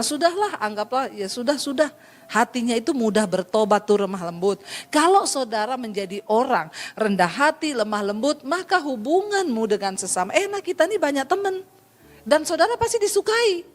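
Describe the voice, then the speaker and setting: A middle-aged woman from Sulawesi preaching a lively, humorous sermon to a congregation. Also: high-pitched.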